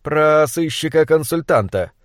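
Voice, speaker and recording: Мужчина читает добродушного писателя. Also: male voice, fairly high pitch, expressive, measured pace, no echo, studio quality. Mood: affable. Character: genial male writer, friendly and cheerful.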